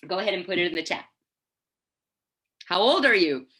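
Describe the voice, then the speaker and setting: A woman in her sixties leading an online teacher-training webinar over a video call, enthusiastic and quick to laugh. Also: lowish voice. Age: 60s. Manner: lively, enthusiastic, laughs often. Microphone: laptop webcam on a video call.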